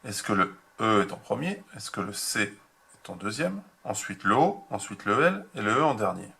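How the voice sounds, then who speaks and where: Guy teacher talking to little kids, patient and slow, bright but gravelly voice. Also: lowish voice, sing-song. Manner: slow, patient, spells out each step for children. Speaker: kindergarten teacher. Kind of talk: remote handwriting lesson for young children.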